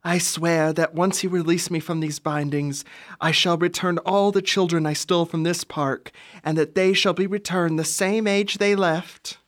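A man's voice: a little high, steady tone, moderate pace, close to an everyday voice. A man playing a sly, taunting fairy villain. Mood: grudging. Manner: silky, taunting and condescending. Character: sly cruel male fairy, ancient and mocking. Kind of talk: audio drama acting.

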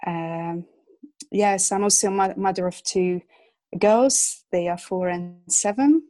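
A Hungarian woman in her thirties, speaking English as a guest illustrator, chats through a casual interview full of fillers and soft laughter. Her mid-range voice moves at a slow pace, with no room sound.

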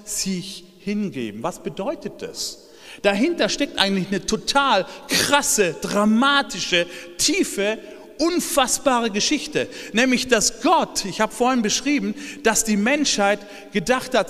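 A man preaching a sermon as pastor, in a lively way that swings from soft lines to shouted ones. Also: high-pitched, in a large hall.

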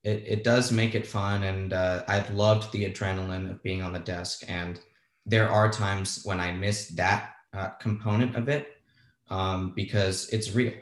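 Male guest, casual raconteur, lowish voice, self-deprecating, roomy recording. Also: fairly even intonation, unhurried. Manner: candid, self-deprecating, swears freely. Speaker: guest, former bond trader. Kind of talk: casual storytelling.

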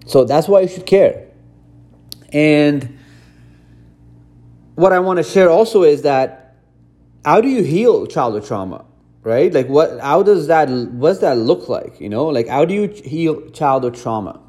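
Earnest podcast host with a mellow voice. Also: male voice, fairly high pitch, lively intonation, measured pace, long pauses. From Afghanistan. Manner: earnest, repetitive, addresses listeners directly. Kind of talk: reflective self-help monologue.

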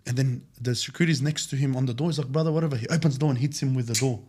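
Give me a man with a raspy, mid-pitched voice, telling a story casually. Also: rapid-fire, darkish tone. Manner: storytelling, sprinkles Arabic phrases, says bro a lot. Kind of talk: casual chat.

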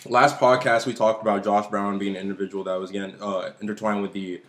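A man's voice: on the low side, level tone, fast, fairly bright tone, roomy sound. A man co-hosting a casual podcast, talking in emphatic slang and repeating his phrases. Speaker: podcast co-host.

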